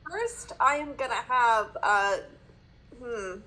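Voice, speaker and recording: A woman with a New York accent playing a card game aloud, giggly and playful, thinking out loud with a lot of hesitation. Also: on the high side, expressive, slow, rough recording. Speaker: player.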